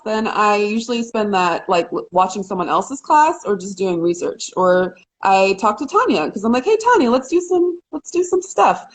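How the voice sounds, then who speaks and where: A woman co-hosting a casual live chat, talking quickly and loosely, laughing often and restarting her sentences. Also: mid-range voice, low-quality recording. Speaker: co-host.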